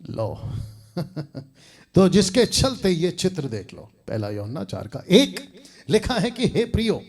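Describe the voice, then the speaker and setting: A man's voice: high-pitched, wildly swooping pitch, takes it slowly, darkish tone, husky. A male pastor and Bible teacher preaching a combative message in a scornful, mocking way, laughing between points.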